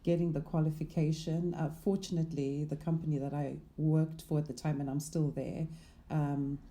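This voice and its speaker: A woman's voice: sits low, little pitch movement, moderate pace, warm tone. A middle-aged woman from Zimbabwe, a guest in a casual interview, talking thoughtfully with "um" and "you know". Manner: thoughtful, laughs lightly, many "um" and "you know". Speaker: guest, investment manager.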